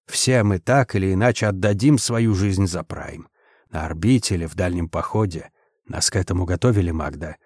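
Brief: man playing a weary admiral, gentle, quiet, resolute. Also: deep voice, moderate pace, no echo, clean studio sound. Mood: soft, resolute. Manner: soft, quiet, tired.

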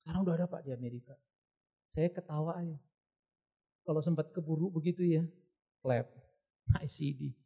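A middle-aged male pastor preaching a sermon, telling stories in an animated way and acting out the people in them. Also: vocal fry, breathy edge, muffled recording. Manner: animated storytelling, acts out callers in a high voice.

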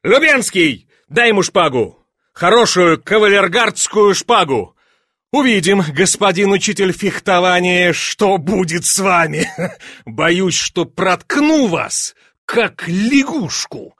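A man reading an audiobook and voicing an excitable, imperious grand duke who barks orders and laughs. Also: high voice, slow, no room sound, studio quality, voice pushed up, heavily acted. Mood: eager. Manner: commanding, shouting eagerly, laughing.

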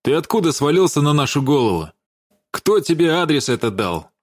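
A man's voice: on the high side, very animated, fairly quick, dry recording, clean studio sound, pitched above the performer's own voice. A man voicing a tall, blunt ex-husband who speaks brusquely and bossily. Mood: gruff. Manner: brusque, sighing.

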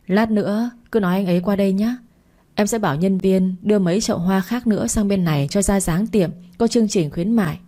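A woman's voice: medium pitch, fairly quick, mellow, lightly acted. Woman reading as a cheerful young florist.

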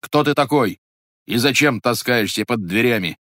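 A man doing a stern, shouting young blacksmith. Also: mid-range voice, lively intonation, moderate pace, dry recording, studio quality. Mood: angry shouting. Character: young burly blacksmith, stern and hot-tempered.

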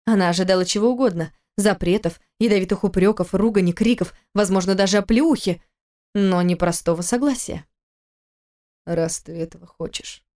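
A woman reads an audiobook story at a calm, measured pace. Her voice sits in the middle of the usual range, steady throughout. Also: mid-range voice. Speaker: narrator. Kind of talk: audiobook narration.

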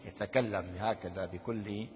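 An older man teaching a classical text as a sheikh, explaining slowly and quizzing his listeners with rhetorical questions. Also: lowish voice, fairly even intonation, a little mellow. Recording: lo-fi recording with long reverb in a hall.

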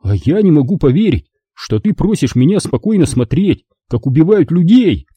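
A man's voice: fairly high pitch, very animated, moderate pace, slightly rough, dry recording, dull audio, pitched above the performer's own voice. A man voicing a defiant, troubled fifteen-year-old boy who argues back at his mother in an audiobook. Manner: protesting, shouting back. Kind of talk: audiobook reading.

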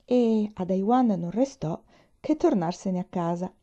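A woman reading a novel aloud as an audiobook, in a measured, expressive way. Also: medium pitch. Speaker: audiobook reader. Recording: dull lo-fi recording.

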